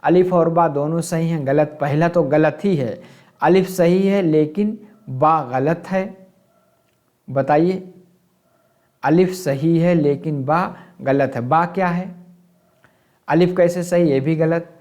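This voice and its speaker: A man's voice: a little high, slow, pauses often, darkish tone. A man teaching an exam-prep lesson, asking questions and answering them himself and glossing terms in English.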